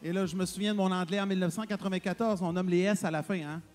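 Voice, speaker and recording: A man's voice: high-pitched, fairly even intonation, quick pace, darkish tone, faint music behind. A man presenting school awards, joking about himself and laughing between the names. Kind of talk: joking ceremony announcing. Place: school auditorium.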